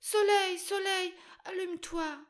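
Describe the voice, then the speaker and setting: A woman's voice: expressive, slow. A woman voicing an earnest, worried little girl in a read storybook. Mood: pleading. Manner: pleading, high child's cries.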